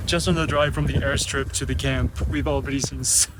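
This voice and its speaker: A man's voice: medium pitch, flat delivery, brisk, noisy background. A man talking casually as a travel vlogger. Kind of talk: casual vlog chat. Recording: music over the talk. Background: music.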